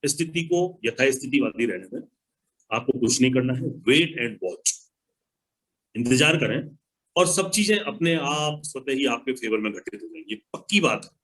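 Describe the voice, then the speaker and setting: A man's voice: medium pitch, expressive, moderate pace, fairly bright tone, poor audio. Emphatic Hindi-speaking motivational speaker, man. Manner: emphatic, repeats key phrases. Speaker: motivational speaker answering questions. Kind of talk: advice talk to an online audience.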